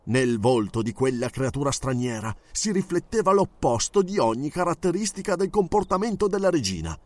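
A man narrating an audiobook in a dramatic, expressive reading. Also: a little high, normal speed, no room sound.

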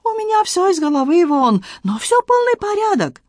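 An eager, kind-hearted Frenchman with a French accent, voiced by a woman reading an audiobook, pitched high above her own voice and bouncing around animatedly. He speaks hastily in broken phrases. The sound is dry and close. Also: very animated, normal speed, dry recording. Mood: eager, flustered. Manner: broken grammar, eager, hasty. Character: flustered kind-hearted Frenchman, adult man. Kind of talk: audiobook character voice.

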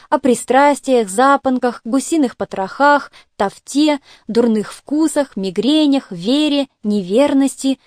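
A woman reading a literary novel aloud in measured, expressive audiobook narration. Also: on the high side, no room sound, clean studio sound.

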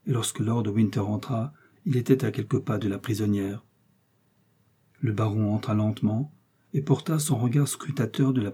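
A man narrating a classic novel aloud in a measured, expressive reading. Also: fairly low pitch, breathy edge. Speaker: audiobook narrator. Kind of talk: literary audiobook narration.

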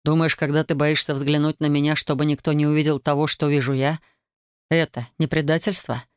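A woman's voice: low-pitched, little pitch movement, fairly quick, clear, resonant tone, dry recording, clean studio sound, natural voice. A woman voicing a brooding young soldier. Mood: pressing. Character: young man, ardent soldier, intense and bitter.

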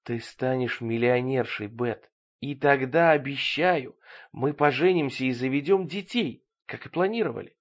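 A man's voice: mid-range voice, moderate pace, muffled recording, close to an everyday voice. A man voicing a scheming man who coaxes his fiancée in a falsely tender way. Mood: coaxing.

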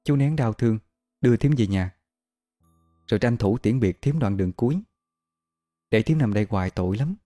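A man voicing a gentle young village woman who speaks softly and consolingly. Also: on the low side, expressive, normal speed, pauses often, soft background music, lightly acted. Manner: soft, consoling.

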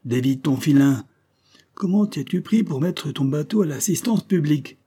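A man voicing a gruff, bold old sea captain who barks orders in rough sailor slang. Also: a little high, animated, normal speed, warm tone, pitched above the performer's own voice. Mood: gruff, bossy.

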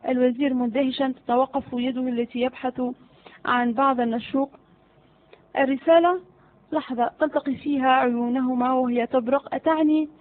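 A woman reads the stage directions of a play aloud in a steady voice. Her pitch is high, and the recording is thin and narrow like a phone call. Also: a little fast. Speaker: narrator.

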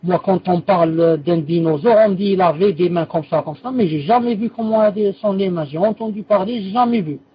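A man's voice: high-pitched, normal speed, hardly any pauses, slightly rough, no echo, muffled recording. A man teaching a religious lesson and answering students' questions, patiently repeating key terms and correcting himself as he explains.

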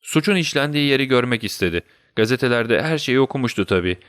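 A man's voice: mid-range voice, lively intonation, fast, fairly bright tone, clear, resonant tone, no echo, studio quality, natural voice. A man voicing a nervous, apologetic police constable who explains himself in a deferential way in a storybook reading.

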